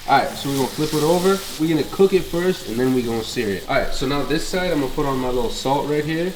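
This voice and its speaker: In a lively, fast, mid-range voice, a congested young cooking vlogger chats and swears at home in his kitchen, sprinkling in Spanish food terms. Sizzling and other kitchen sounds come through clearly in the background.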